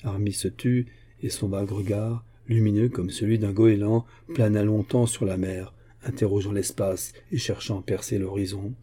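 A man reading a novel aloud in a steady, measured audiobook narration. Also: lowish voice, slightly rough. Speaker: audiobook reader.

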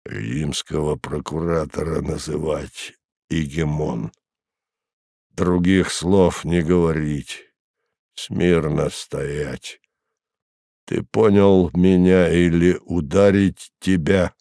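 A man's voice: very deep voice, little pitch movement, takes it slowly, dark tone, no room sound, clean studio sound, pitched below the performer's own voice, heavily acted. A man reading an audiobook and voicing a brutal, giant male Roman centurion who barks short orders in a nasal voice. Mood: menacing. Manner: curt, clumsy commands.

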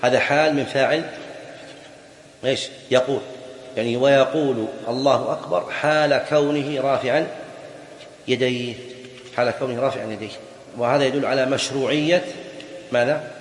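Male teacher, mid-pitched voice, lecturing point by point with rhetorical questions, in a roomy hall with long reverb. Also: fairly even intonation, normal speed, long pauses, slight background noise. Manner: explains point by point, repeats key phrases, asks rhetorical questions. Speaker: Islamic jurisprudence teacher. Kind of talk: classroom lecture on a fiqh text.

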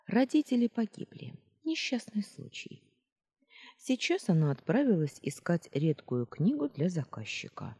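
A woman reading the part of an earnest young woman shopkeeper who is quick to take offence. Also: on the low side, warm tone, slightly rough, pitched above the performer's own voice, full character voice. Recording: roomy reverb.

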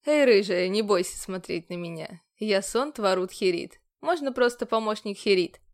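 A woman's voice: mid-range voice, lively intonation, normal speed, close to an everyday voice. A woman voicing a friendly male alien assistant on a spaceship. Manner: friendly, easygoing.

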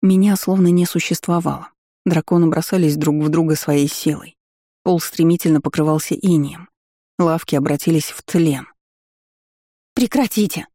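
A man reading a fantasy audiobook as a steady, expressive first-person narrator. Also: on the high side, moderate pace, no room sound, studio quality.

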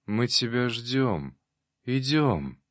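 A man voicing a very old, stooped father's ghost, speaking slowly in a creaky voice. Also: medium pitch, sing-song, dry recording, studio quality, voice pushed up. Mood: beckoning.

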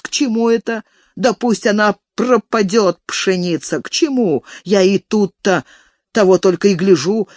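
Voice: mid-range voice, no room sound, close to an everyday voice. Reader putting on a scared old steward, wailing and pleading, voice jumping all over, dry close sound. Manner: pleading, wailing, folksy rustic speech. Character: frightened old male farm steward, whining.

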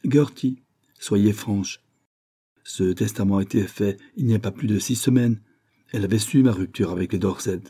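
A man's voice: on the low side, normal speed, mellow, slightly rough. A male reader voicing Lily Bart, a proud young society woman who speaks with mocking defiance. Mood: pleading.

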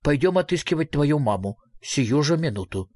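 A reader voicing a calm, kindly adult creature in a storybook, speaking low and gently. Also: normal speed, dry recording, studio quality, lightly acted. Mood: kind, steady.

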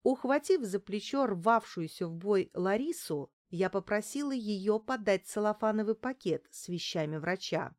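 A woman's voice: mid-range voice, darkish tone, no room sound. Woman narrating a dry detective audiobook. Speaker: audiobook reader. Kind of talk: first-person detective novel narration.

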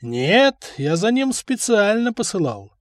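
A man voicing a cunning bearded merchant who speaks with icy, calculating calm. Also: sits high, slow, dry recording, studio quality, voice pushed up, full character voice.

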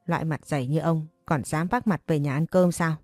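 A woman voicing a furious, wailing middle-aged mother who scolds and curses in a shrill way, read as an audiobook story. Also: steady tone, moderate pace, a little mellow, dry recording, soft background music. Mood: scolding.

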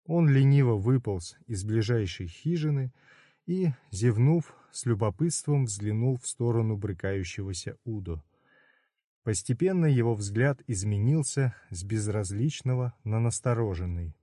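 Man narrating in a mellow, dark voice. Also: lowish voice, animated, a little slow, no echo, clean studio sound. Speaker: audiobook narrator. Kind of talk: scripted narration.

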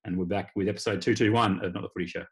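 An Australian man with a fairly low voice hosts a casual sports chat. He rambles along wryly, in a conversational podcast style. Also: steady tone, rapid-fire. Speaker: podcast host. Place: remote video call.

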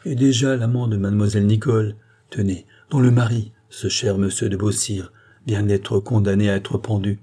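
A man's voice: lowish voice, fairly even intonation, moderate pace, warm tone, close to an everyday voice. A man voicing Cagliostro, a grandiose schemer. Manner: sweeping, oratorical, relentless. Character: scheming male occultist, cold and grandiose. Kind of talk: audiobook character reading.

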